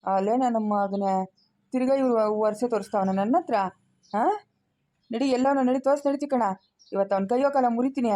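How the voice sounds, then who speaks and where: A woman's voice: fairly high pitch, quick pace, long pauses, warm tone, natural voice. Woman playing a hot-tempered village man. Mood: angry threatening. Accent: Chikkaballapur Kannada. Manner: fiery, threatening.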